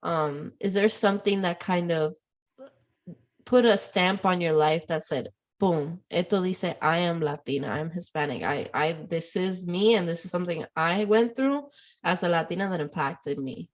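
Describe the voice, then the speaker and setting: A woman's voice: fairly low pitch, moderate pace. Chatty Puerto Rican-raised woman host. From Puerto Rico. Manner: chatty, mixes Spanish and English, laughs often. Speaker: podcast host. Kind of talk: casual conversation.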